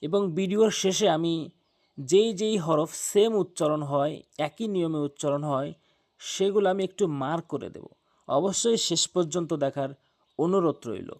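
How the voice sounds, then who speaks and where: A man's voice: on the high side, a little slow, darkish tone. A man teaching Arabic letter pronunciation for Quran recitation, drawing out each letter sound and repeating every step patiently. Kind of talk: slow instructional pronunciation lesson.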